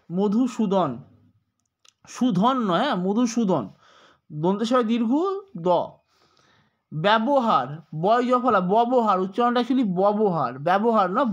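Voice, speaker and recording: A man with a Bengali accent teaching a spelling lesson, slowly spelling out words letter by letter and repeating the corrections. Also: sits high, highs cut off. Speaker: exam tutor.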